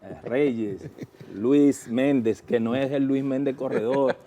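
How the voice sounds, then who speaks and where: A male commentator with a Dominican, Caribbean Spanish accent and a dark, relaxed tone. He sets out his analysis as an interview guest in deliberate, measured phrases, leaving weight on key words. His pitch is average for a man. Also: a little hiss or hum. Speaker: guest political analyst and journalist.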